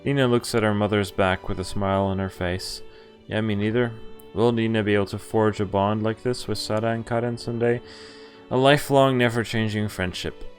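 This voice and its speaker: Streaming a game, a man reads dialogue aloud and reacts in a casual, wry, sweary way as part of his let's-play commentary. His fairly low voice stays steady and brisk over soft background music.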